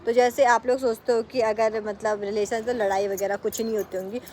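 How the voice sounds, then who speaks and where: A woman's voice: fairly high pitch, fairly even intonation, a little fast, a little mellow, a little hiss or hum. A young woman chatting casually to camera on a rooftop, rambling and correcting herself as she talks to her viewers. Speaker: vlogger. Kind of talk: casual vlog chat to camera. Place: rooftop, outdoors.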